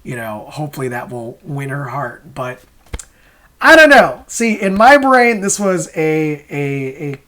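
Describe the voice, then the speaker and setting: A comic creator and host rambles through casual commentary in a fairly high, pushed, bright voice that is very animated. His pace is measured, but he sounds hesitant and self-questioning, chuckling as he explains.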